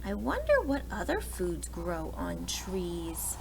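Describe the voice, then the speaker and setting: Her pitch swoops wildly in a voice on the low side as she takes her time. She is an American preschool teacher reading a picture book aloud with expression, asking young children questions and adding asides, with background noise clearly heard.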